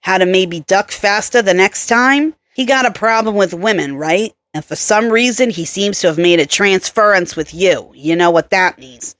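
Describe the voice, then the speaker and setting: A woman narrator voicing a gruff older male psychiatrist with a nasal New York accent, blunt and wisecracking. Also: medium pitch, moderate pace, hardly any pauses, a bit bright, no echo, close to an everyday voice. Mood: probing. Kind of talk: audiobook character voicing.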